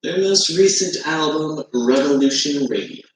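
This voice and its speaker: A man's voice: on the high side, measured pace. A man in an old video, hesitantly listing his favorite songs with many fillers. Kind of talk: casual music review. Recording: echoey room.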